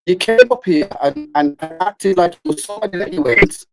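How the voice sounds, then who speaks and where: A man's voice: sits high, very animated, brisk, vocal fry, a bit bright, faint music behind, low-quality recording. A man on a glitchy video call that keeps breaking up, confrontationally accusing someone during a live panel. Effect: glitchy video call audio, breaking up. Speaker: panel participant. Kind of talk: heated live-stream panel argument. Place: outdoors or in the countryside.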